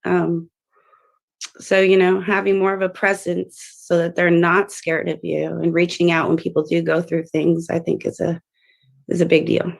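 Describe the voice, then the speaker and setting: A woman's voice: lowish voice, flat delivery, moderate pace, vocal fry. A woman giving an earnest, hesitant public comment at a community meeting over a video call.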